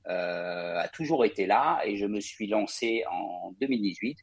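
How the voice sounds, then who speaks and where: A man's voice: fairly low pitch, lively intonation, moderate pace, vocal fry, slightly rough, no room sound. A man from Paris, cofounder of a real estate company, telling his career story as an interview guest with frequent hesitation fillers. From Paris, France. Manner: fluent, many hesitation fillers.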